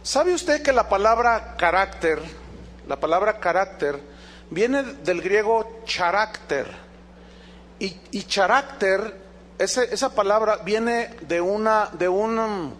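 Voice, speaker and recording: A man preaching a sermon as pastor, animated, asking the congregation rhetorical questions and acting out dialogues. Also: high voice, takes it slowly.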